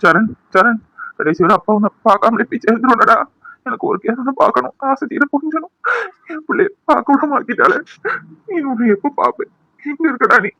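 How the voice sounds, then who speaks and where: A man's voice: extremely high pitch, a little fast, creaky, bright, forceful tone, dry recording, pitched above the performer's own voice, exaggerated voice, poor audio. A man voicing a devoted grown son in a cartoon, pleading and reassuring his mother. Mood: grieving. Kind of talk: cartoon voice acting.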